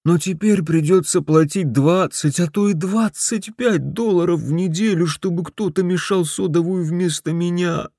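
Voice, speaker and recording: Storybook part: man reading as a desperate, whining middle-aged stall owner, raised and loud, dry sound. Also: sits high, normal speed, few pauses, dry recording, voice pushed up. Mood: fretful. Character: frantic middle-aged husband, a beach stand owner.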